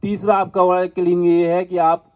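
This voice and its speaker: Man in the role of a spiritual teacher, lecturing a class, earnest and instructive, slightly high voice, muffled lo-fi recording. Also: level tone, normal speed. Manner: earnest, instructive, with stories and repeated emphasis.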